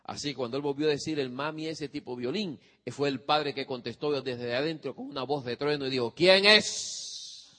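A man's voice: mid-range voice, fairly even intonation, a little fast, few pauses. Preacher man in an echoing hall. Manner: storytelling with acted-out quotes and audience questions. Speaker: preacher giving parenting advice. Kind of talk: sermon. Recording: long hall reverb.

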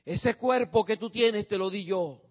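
A man's voice: sits high, a little slow, big-room sound, voice pushed up. A man quoting a guilt-tripping parent, raised voice. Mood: reproachful. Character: reproachful parent scolding a teen.

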